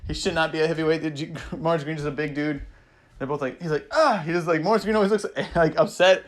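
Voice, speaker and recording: A man casually recapping fight results, excitable and rambling, swearing freely and peppering his talk with "man" and "you know". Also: on the high side, fast talker. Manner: acts out fighters' thoughts in quoted asides. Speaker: MMA vlogger recapping fights.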